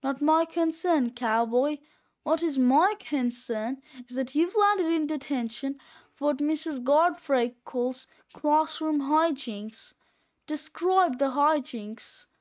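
A woman reading aloud, voicing a gruff middle-aged male gym coach who barks deadpan orders. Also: sits high, slow.

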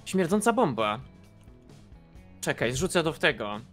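Young male gamer, excitable and laughing, very lively pitch, faint game music underneath. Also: a little slow. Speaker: gaming YouTuber. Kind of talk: casual co-op gameplay commentary.

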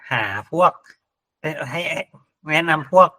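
A man's voice: unhurried, bright, forceful tone, no room sound. A man co-hosting a casual Thai podcast, musing as he reads out a list of suggestions. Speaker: podcast host. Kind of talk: casual chat.

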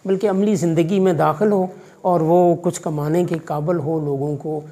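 Answering interview questions, the Pakistani college vice principal, a man in his 50s with a Pakistani Urdu accent, sounds measured and fatherly, weaving in religious phrasing and hesitant fillers. His fairly high, mellow voice keeps a fairly even intonation, captured in an office by a distant camera.

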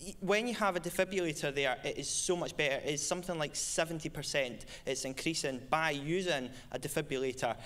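A man's voice: fairly high pitch, a little fast, few pauses, a bit bright. A young man who has won an award, answering questions on stage in a passionate, eager way. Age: young adult. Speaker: award winner. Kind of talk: on-stage interview.

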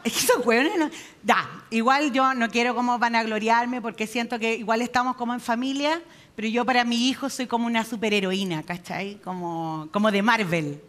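A woman's voice: fairly high pitch, normal speed, a bit bright. A Chilean woman performing a live stand-up set, joking crudely in slang and teasing the audience. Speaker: stand-up comedian.

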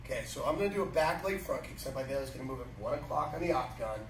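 A man's voice: medium pitch, lively intonation, very fast. Emphatic male instructor in echoey gym. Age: middle-aged. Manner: emphatic, repeats key phrases. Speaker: martial arts instructor. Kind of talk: instructional talk to students. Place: large matted martial arts gym, indoors. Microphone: camera several metres away. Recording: echoey hall, distant mic, background noise.

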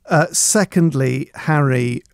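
A man's voice: mid-range voice, slow, vocal fry, a crowd in the background. A man co-hosting a comedy podcast, reading out listener emails in a wry, teasing manner with tangled self-corrections. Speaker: radio comedy podcast co-host.

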